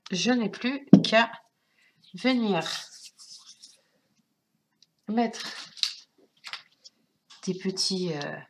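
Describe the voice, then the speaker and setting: A woman with a French accent hosting a craft tutorial, calmly narrating each step, her voice nasal from a cold. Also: medium pitch, slight background noise. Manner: slow, calm, narrates each step with little sound words. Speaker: craft channel host.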